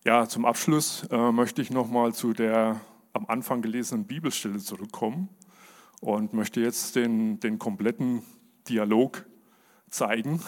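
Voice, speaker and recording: A man giving a sermon with Bible readings, speaking earnestly with many fillers and restarts. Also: fairly low pitch. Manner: earnest, measured reading of scripture. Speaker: lay preacher.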